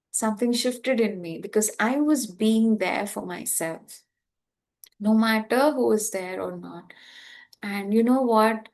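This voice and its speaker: A young woman with an Indian English accent, sharing a personal story in a spiritual talk, animated and laughing often. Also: fairly high pitch. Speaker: spiritual trainer.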